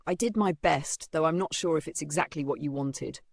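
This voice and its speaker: A narrator voicing a polite, professional barber who speaks courteously and smoothly. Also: medium pitch, normal speed, no echo, clean studio sound.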